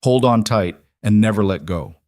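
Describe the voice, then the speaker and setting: A man voicing a devoted young king in an audiobook romance, speaking softly and heartfeltly. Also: fairly low pitch, lively intonation, moderate pace, dry recording, studio quality, lightly acted. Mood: adoring. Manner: soft, heartfelt speech. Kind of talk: audiobook story narration.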